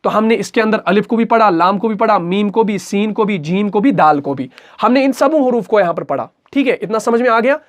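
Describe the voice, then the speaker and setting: A man's voice: sits high, animated, fairly quick. A man teaching a recitation class, patient and repetitive, who asks questions and answers them himself. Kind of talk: explanatory recitation lesson.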